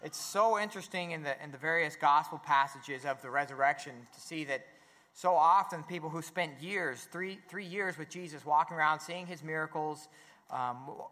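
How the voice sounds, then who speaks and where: A man's voice: a little high, sharp tone. A man preaching a homily as a priest, candid and conversational, with frequent restarts and questions to the listeners. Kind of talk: sermon. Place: church. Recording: long hall reverb in a church.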